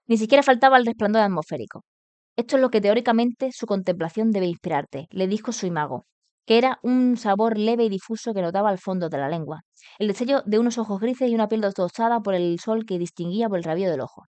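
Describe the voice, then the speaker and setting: A woman's voice: medium pitch, clear, resonant tone, dry recording. A woman with a Spain Spanish accent hosting a book club stream. She reads a novel aloud, fixes her own slips and drops into slangy asides. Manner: slangy and laughing in asides, steady when reading, corrects her own slips. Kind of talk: reading a novel aloud on a livestream, with casual asides. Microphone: streaming mic.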